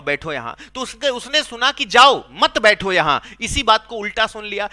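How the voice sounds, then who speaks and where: Bright high-voiced teacher, lively. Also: male voice. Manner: chatty, scolding asides, acts out quoted lines; keeps asking the class for agreement. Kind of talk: exam-prep Hindi lesson.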